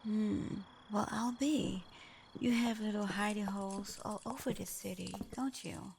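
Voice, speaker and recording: A woman plays a sly, flirtatious supervillain teasing her hero nemesis in a scripted ASMR roleplay, murmuring breathily with teasing hums in a teasing, sarcastic mood. Her mid-range voice is steady, unhurried and creaky, with background noise present.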